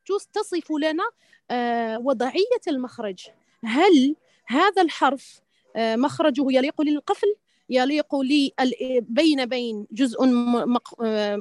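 Lady tajweed teacher, high voice, lots of restarts and pauses, dry close sound. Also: no room sound. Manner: hesitant, many restarts and drawn-out fillers, pious interjections. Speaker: Quran recitation teacher. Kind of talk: online tajweed lesson answering questions.

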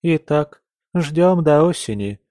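A man's voice: fairly high pitch, lively intonation, takes it slowly, warm tone, no room sound, clean studio sound, pitched above the performer's own voice. A man playing a firm noble mother. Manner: soothing yet firm and commanding. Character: stern, fussy noble mother of two daughters.

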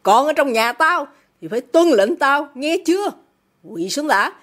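A woman reading the part of a furious, greedy middle-aged businessman father, shouting and contemptuous. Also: high-pitched, lively intonation, a little slow, pitched above the performer's own voice. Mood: raging.

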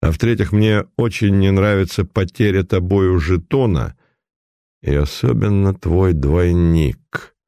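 A cautious, nervous army officer pleading with his friends, as a man reads him in an audiobook. The voice is deep and dark, recorded dry and close. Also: slow pace, no room sound. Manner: nervous and insistent. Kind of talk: audiobook role reading.

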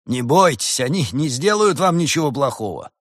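A man voicing a gruff old farmer who bellows at his oxen, rolling his r's. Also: fairly high pitch, animated, normal speed, a bit bright, no room sound, studio quality, pitched above the performer's own voice. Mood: grinning. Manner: hoarse bellowing, rolled-r calls.

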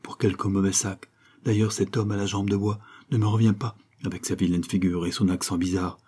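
A man's voice: low-pitched, flat delivery, brisk, warm tone, breathy edge. A man voicing a fretful boatman's wife. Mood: worried. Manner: fretful, talkative, pleading. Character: stout red-faced boatman's wife, fretful. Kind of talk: audiobook character reading.

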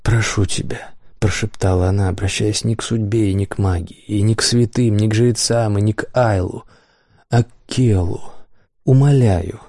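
A man narrating an audiobook in a measured, dramatic reading voice, recorded on a close studio mic. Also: fairly low pitch, fairly even intonation, warm tone, dry recording. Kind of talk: scripted narration.

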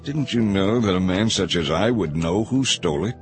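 A man's voice: sits low, animated, moderate pace, faint music behind. A man voicing a stern commanding ruler.

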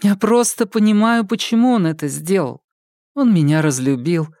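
A woman's voice: medium pitch, moderate pace, warm tone, no echo, clean studio sound, close to an everyday voice. A woman voicing a meek young housekeeper who blames herself, read in an audiobook. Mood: pleading. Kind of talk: audiobook character voice.

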